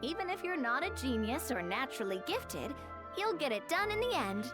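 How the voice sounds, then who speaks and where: Patient business mentor, encouraging, high lively voice, game music underneath. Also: female voice, moderate pace. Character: friendly young woman business mentor. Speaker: game character voice. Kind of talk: video game voice acting. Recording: game audio over music.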